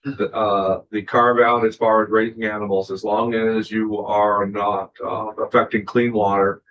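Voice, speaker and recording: A man's voice: fairly low pitch, little pitch movement, measured pace. Man at a committee table talking it through, stops and restarts, dull audio with a little hiss. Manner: thinking aloud, restarting. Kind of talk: questioning in committee. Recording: dull audio with faint noise.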